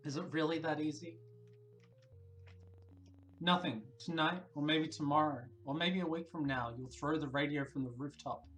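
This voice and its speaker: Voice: mid-range voice, moderate pace, poor audio. Streamer reading game text aloud. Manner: reads narration in a quiet, even tone, breaks into excited asides.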